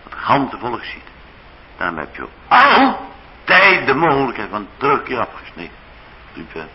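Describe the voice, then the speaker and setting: A man's voice: mid-range voice, huge pitch swings, normal speed, lo-fi sound, slight background noise. A man with a Dutch accent preaching a sermon in a church, acting out the biblical figures' speech dramatically. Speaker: pastor.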